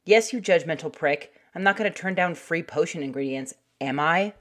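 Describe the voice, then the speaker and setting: A brash, foul-mouthed puppet co-host trading sarcastic jabs, voiced by a woman. Her voice sits fairly low for a woman, with a cheeky bite. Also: moderate pace. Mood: sassy. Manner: brash, sarcastic, swears freely.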